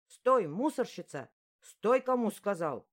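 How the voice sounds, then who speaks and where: A woman's voice: medium pitch, lively intonation, moderate pace, darkish tone, lightly acted. A woman voicing a brutal young male bully who hisses menacing threats, read from an audiobook story.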